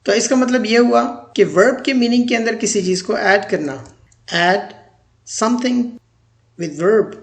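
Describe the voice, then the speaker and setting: High gravelly-voiced male teacher. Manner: slow, deliberate word-by-word pronunciation drills. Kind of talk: grammar lecture.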